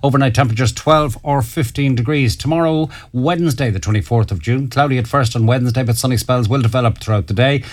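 A man's voice: mid-range voice, fast, hardly any pauses. An Irish man delivers a scripted weather forecast in a mid-range voice. He reads it as a plain radio bulletin.

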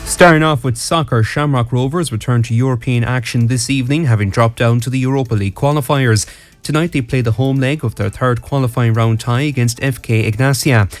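A man's voice: mid-range voice, brisk, no room sound. An Irish man reading scripted weather and sports bulletins on the radio. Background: music bed.

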